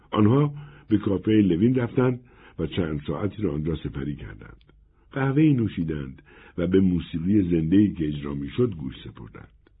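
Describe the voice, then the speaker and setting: A man narrating an audiobook in an expressive, husky voice. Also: sits low. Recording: narrow phone-like band.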